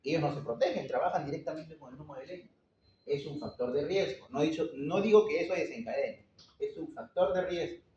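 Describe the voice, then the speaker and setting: A man's voice: a little high, brisk, mellow, a little hiss or hum. A man giving a medical class lecture, asking rhetorical questions and checking in with his students. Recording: echoey, distant, dull room recording.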